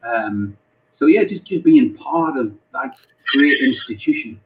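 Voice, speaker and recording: Over tinny, phone-like call audio, a football club chaplain from North East England gives casual interview answers. His medium-pitched voice is animated, but his speech is halting, with frequent repeated words.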